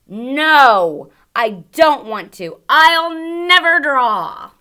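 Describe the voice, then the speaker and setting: Storybook kid, grumpy young boy, whiny and loud, high voice, read by a woman. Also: big pitch swings, takes it slowly, full character voice. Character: grumpy bored young boy stuck indoors.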